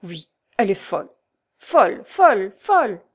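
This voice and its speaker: A woman's voice: fairly high pitch, big pitch swings, moderate pace, darkish tone. A woman voicing a sneering old crone mother. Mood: angry. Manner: sneering, scolding, grumbling.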